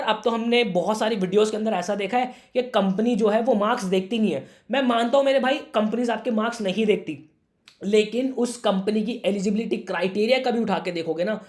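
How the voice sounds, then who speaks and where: Slightly hoarse young man giving earnest advice. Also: sits high. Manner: earnest, brotherly, keeps calling the viewer "my brother". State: slightly hoarse from a sore throat. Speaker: career guidance YouTuber. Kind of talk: direct-to-camera advice talk for students.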